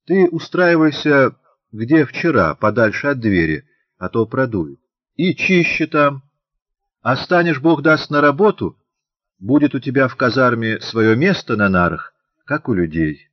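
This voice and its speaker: A man's voice: medium pitch, sing-song, measured pace, dry recording, voice pushed up. Grumbling peasant mother, read by a man, scolding and homely, muffled recording. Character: grumbling but kindly peasant mother, stern.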